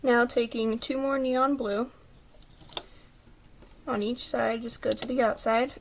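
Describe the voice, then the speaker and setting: A woman's voice: on the high side, fairly even intonation, takes it slowly, slight background noise. Chatty woman giving craft instructions. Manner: patient, chatty instructions with small slips and apologies. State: slightly throaty, clears throat. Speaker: craft tutorial maker. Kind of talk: step-by-step craft tutorial.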